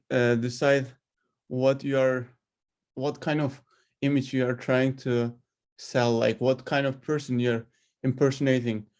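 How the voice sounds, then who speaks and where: A man with a mid-pitched voice coaches listeners informally. He speaks English as a second language. His delivery is conversational and halting, thinking aloud and giving examples as he goes. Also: a little mellow. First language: not English. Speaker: speaker giving career advice. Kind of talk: informal unscripted coaching talk.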